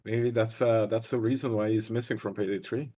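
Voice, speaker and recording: A man chats as an interviewer in a soft-edged, dark voice that sits a bit low. His questions come out casually and tentatively, with stops along the way. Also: steady tone, brisk.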